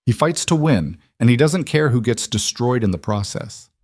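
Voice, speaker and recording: A man voicing a haunted frontier woman who speaks in a quiet, strained and halting way. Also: medium pitch, lively intonation, dry recording, studio quality, pitched above the performer's own voice.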